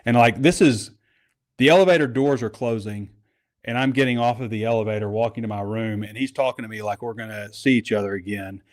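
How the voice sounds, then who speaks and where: A man's voice: on the low side, brisk. A man hosting a casual sports podcast, talking in a rambling, conversational way. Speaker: podcast host.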